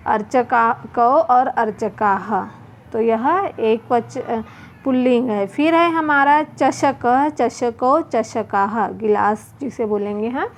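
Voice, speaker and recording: A woman with a high voice teaches a children's workbook lesson. She reads word lists slowly and drags each word out, then explains it in plain terms. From India. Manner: slow, drawn-out word recitation.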